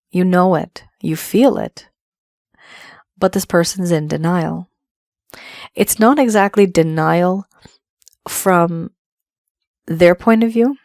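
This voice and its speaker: A woman's voice: lowish voice, creaky, darkish tone, no echo, clean studio sound. A woman giving an earnest tarot reading, her voice still worn from the flu, repeating phrases for emphasis. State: voice affected by flu. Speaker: tarot reader.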